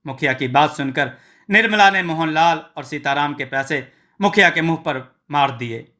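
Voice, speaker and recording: A man reading a scripted story in a steady, plain way and voicing every character himself. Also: fairly high pitch, moderate pace.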